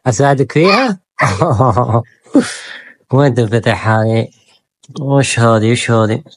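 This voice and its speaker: Very low-voiced woman, playful vlogger. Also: lively intonation, measured pace, no room sound. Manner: playful and coaxing, repeating admiring exclamations. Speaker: family vlogger filming children. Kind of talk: casual family vlog commentary.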